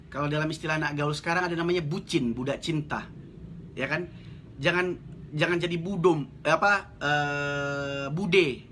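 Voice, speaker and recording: A man's voice: a little high, normal speed, sharp tone, slight background noise. A man talking blunt and casual on a live stream, reading out viewer comments and joking as a network marketing coach. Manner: blunt, joking, chatty, laughs often.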